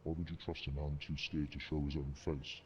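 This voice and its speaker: A man's voice: a bass voice, little pitch movement, a little fast, darkish tone. An actor playing a menacing, solemn masked resistance spokesman delivering an ominous propaganda broadcast in a video game. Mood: grave defiance. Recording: muffled lo-fi tape with noise.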